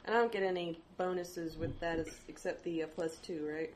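A woman's voice: fairly low pitch, fairly even intonation, normal speed, a little mellow. A woman chatting casually as a player at a tabletop game. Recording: echoey room, clear background noise, clicks.

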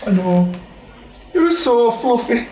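A man's voice: very high-pitched, sing-song, slow, darkish tone, a little hiss or hum, pitched above the performer's own voice, exaggerated voice. A man voicing a maudlin, sentimental drunk man with a plaintive way of talking in a tabletop game. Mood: wistful, pleading. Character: maudlin drunk man mourning his beloved pet poodle. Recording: roomy echo.

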